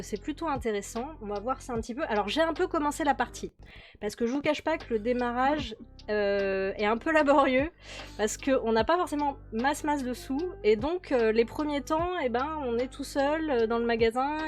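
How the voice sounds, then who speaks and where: Woman on a lets play, kinda high voice, rambling chatty commentary, soft music behind. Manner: chatty, with many fillers and repeated words. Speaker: host playing a management game. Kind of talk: casual let's-play commentary. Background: faint background music.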